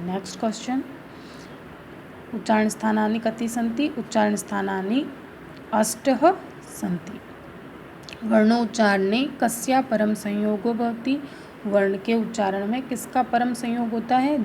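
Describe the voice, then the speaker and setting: A woman teacher explaining a school lesson slowly and carefully, reading each line first and then explaining it. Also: medium pitch, creaky, darkish tone, a little hiss or hum, poor audio. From India. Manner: slow, careful explanation, reads Sanskrit then explains in Hindi.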